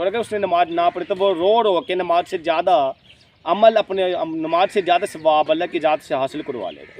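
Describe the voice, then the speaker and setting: A man hosting a religious lecture, emphatic and repetitive, asking and answering his own questions. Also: sits high. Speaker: host, spiritual lecturer. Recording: distant mic, faint outdoor noise.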